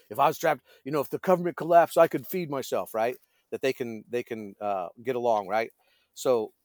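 Appearing as a guest on a podcast, this middle-aged pastor and fishing guide chats in a casual, storytelling way and frequently hunts for the right word. He speaks at a medium pitch with a slightly mellow quality, recorded at studio quality without echo.

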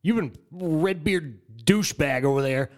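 A man's voice: fairly high pitch, lively intonation, unhurried. A man co-hosting a podcast, ranting and swearing his way through an improvised comedy bit. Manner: ranting and profane. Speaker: podcast co-host.

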